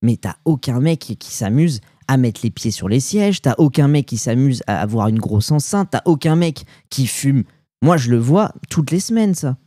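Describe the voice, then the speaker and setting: A young man with a French accent chats casually on a podcast, swapping travel stories in loose, slangy talk full of fillers. His voice is mellow and relaxed at a middle pitch. The sound is dry and close, with no room around it. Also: moderate pace, dry recording. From France. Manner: animated storytelling with slang and fillers. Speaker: podcast co-host. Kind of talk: casual chat.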